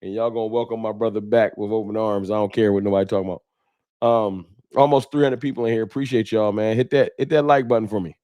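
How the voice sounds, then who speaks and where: Talking fast in a steady, somewhat low voice, an American sports fan content creator hosts a livestream, chatting informally and frankly with viewers and reading their messages. The sound is lo-fi with no echo.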